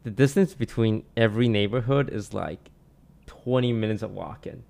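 A young man from Malaysia, chatting casually on a stream in a relaxed way, trailing off with many fillers. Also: on the low side, normal speed, vocal fry. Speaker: streamer answering questions. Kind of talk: casual chat. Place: small home streaming room. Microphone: studio mic on boom arm, headphones.

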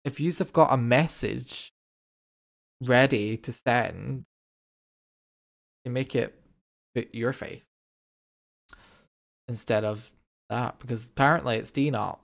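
A man's voice: mid-range voice, takes it slowly, vocal fry, long pauses. A man streaming a game live, chatting casually with his viewers and reading their messages. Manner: chatty, reacting to chat and wrapping up with thanks.

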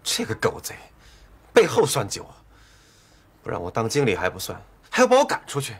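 A proud jobless young husband. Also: male voice, fairly low pitch, sing-song, quick pace, husky. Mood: indignant. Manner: indignant, then earnest and reassuring. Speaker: laid-off office worker, husband. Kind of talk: TV drama acting. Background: music score.

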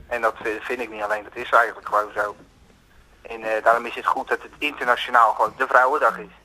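A man with a crisp, forceful mid-range voice phones in to a radio show. He hesitates and circles back, repeating himself and padding his points with filler words. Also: mid-range voice, level tone, fast talker, rough recording. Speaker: radio caller. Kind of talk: phone-in chat.

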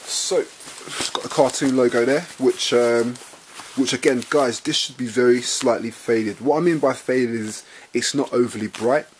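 A man with a London accent talking casually as he reviews a jacket at home, chatty and relaxed, often calling his viewers guys. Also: mid-range voice, unhurried, a little hiss or hum. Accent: London English. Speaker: fashion vlogger reviewing a jacket. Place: indoors, at home beside a bed.

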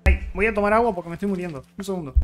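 A man's voice: high-pitched, racing, fairly bright tone, soft background music. A man with a Rioplatense Spanish accent, chatty let's-play commentary as he thinks aloud through crafting and fights. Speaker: gaming YouTuber.

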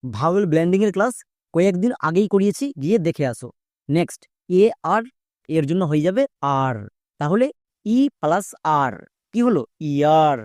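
An English pronunciation teacher giving a spoken spelling lesson, breaking words into sounds step by step and pausing for quick check-in questions. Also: medium pitch, expressive, a little mellow, no echo, studio quality. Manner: repetitive, patient explaining.

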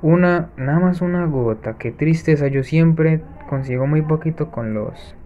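A man hosting a let's-play, chatting to viewers as he plays and breaking off with quick gasping reactions. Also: on the high side, phone-quality sound. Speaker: gaming channel host. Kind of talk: let's-play gameplay commentary.

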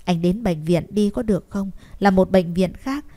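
A woman's voice: medium pitch, moderate pace, dark tone, lightly acted. A woman voicing a young woman who pleads tearfully with the man she loves in a storybook reading. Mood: pleading. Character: young woman pleading with her sick love.

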